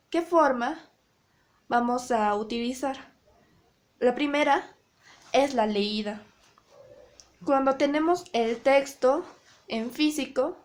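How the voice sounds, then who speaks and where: Young female student presenting a lesson, higher-pitched, unhurried, pauses and restarts often. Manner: hesitant, self-correcting, searching for words. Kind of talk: class presentation on public speaking.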